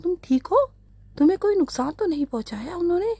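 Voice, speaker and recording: A woman's voice: a little high, animated, unhurried, mellow, husky, dry recording. A woman voicing a worried, affectionate older uncle. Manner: anxious, affectionate.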